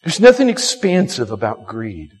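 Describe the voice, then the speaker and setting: A man preaching a sermon as pastor, animated and acting out quoted lines, often repeating himself. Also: mid-range voice, normal speed, breathy edge, faint music behind. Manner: animated, acts out quotes, frequent repetitions. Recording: long hall reverb.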